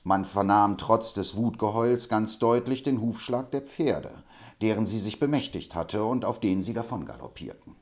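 A man narrating an audiobook in a low, measured storytelling manner. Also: lively intonation.

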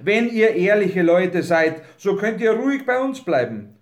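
A man reading aloud as a calm, sly frontiersman who speaks firmly and with mild mockery. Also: high-pitched, measured pace, pitched above the performer's own voice. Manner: cool, firm, mildly mocking.

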